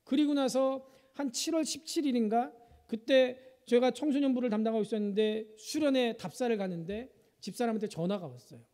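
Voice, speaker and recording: High-voiced pastor in an echoing church. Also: male voice, a little fast, warm tone. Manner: humorous storytelling, asks the congregation questions. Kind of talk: sermon. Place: church sanctuary. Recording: long church hall reverb.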